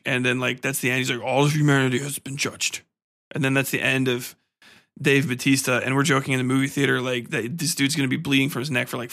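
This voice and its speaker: A podcast host with a medium-pitched, creaky voice that sounds pushed and bright rants through a casual film review. He is blunt, exasperated and sarcastic, with plenty of profanity.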